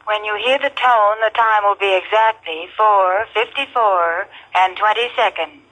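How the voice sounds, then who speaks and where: An actress voicing an impersonal telephone time announcement in a radio drama, precise and detached, through a phone line. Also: female voice, medium pitch, measured pace, bright, forceful tone. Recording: hissy old telephone line sound.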